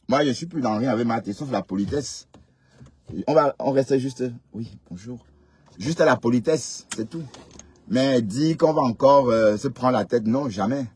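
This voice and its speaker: A man's voice: mid-range voice, husky, dry recording. A man hosting a live stream, chatting casually and lecturing his commenters. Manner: chatty, scolding, addresses commenters directly.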